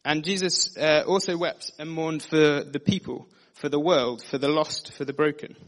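A man giving a sermon, reading scripture passages and explaining them in an earnest, steady teaching manner. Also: a little high, normal speed. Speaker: preacher. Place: dim room.

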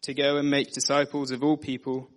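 This sermon, given in a dim room, moves between passages of scripture and straightforward explanation. The preacher's typical mid-pitched male voice stays earnest, measured, steady and sincere throughout.

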